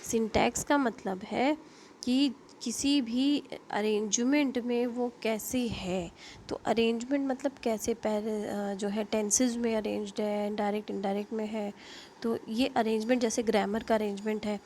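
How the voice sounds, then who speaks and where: An Indian woman teaches an online linguistics class through a computer mic. Her voice sits a little high, and she explains step by step with fillers and self-corrections. She checks in with "okay?" as she goes, over a faint background hiss. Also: steady tone, a little slow, a little mellow. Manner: explains in Hindi mixed with English terms, frequent fillers and self-corrections. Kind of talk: online lecture.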